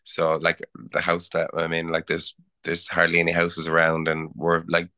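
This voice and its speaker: Irish man, musician guest, deep voice, bright forceful tone, relaxed chat with restarts. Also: normal speed. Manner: easygoing, laughs often, stumbles and repeats words. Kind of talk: casual interview chat.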